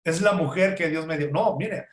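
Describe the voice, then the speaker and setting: A man leads a Bible study in a casual teaching style, often asking a question and answering it himself, with small jokes along the way. His voice sits a little high. The room around him is echoey. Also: normal speed. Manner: asks and answers his own rhetorical questions, joking asides. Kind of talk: conversational Bible study lesson. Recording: roomy echo.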